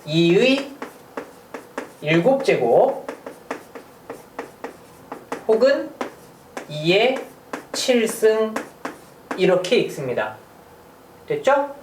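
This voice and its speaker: Math teacher for an online lecture, animated rise and fall, a touch off-mic in an echoey room. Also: medium pitch, extremely slow, pauses often, a little hiss or hum. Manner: chatty, asks rhetorical questions, small jokes. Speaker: middle school math teacher. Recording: roomy sound from a distant mic.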